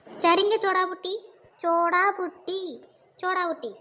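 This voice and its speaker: A woman voicing a defiant, sharp-tongued younger sister in a cartoon. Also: extremely high pitch, a little fast, muffled recording, a little hiss or hum. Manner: mocking, defiant. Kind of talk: cartoon voice acting.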